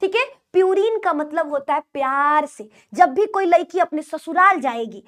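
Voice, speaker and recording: Young female biology tutor, UP-Bihar accent, very high voice, repetitive call-and-response lecturing. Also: lively intonation, moderate pace, a bit bright. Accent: UP-Bihar Hindi. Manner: repetitive, call-and-response teaching with mnemonic jokes. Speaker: biology teacher. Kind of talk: online class lecture.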